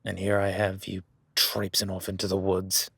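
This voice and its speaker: In an audio roleplay, a man voices a rugged, plain-spoken cowboy ranch hand guiding a newcomer, folksy and easygoing and slipping into casual swearing. His exaggerated voice is deep, gravelly, a bit bright and breathy, unhurried with little pitch movement, and recorded with no room sound.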